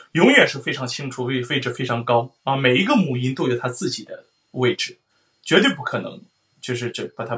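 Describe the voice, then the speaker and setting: A male voice teacher gives a singing lesson with a bright, forceful tone. He explains how resonance works and keeps singing loud vowel sounds to show it. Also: mid-range voice. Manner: explains then sings vowels, loud sung demonstrations.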